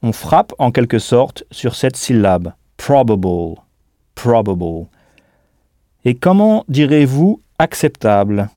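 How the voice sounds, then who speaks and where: A language teacher runs a scripted audio lesson, his mid-pitched, dark voice recorded dry in a studio with no room sound. He speaks slowly and deliberately with a sing-song lilt, spelling words out letter by letter.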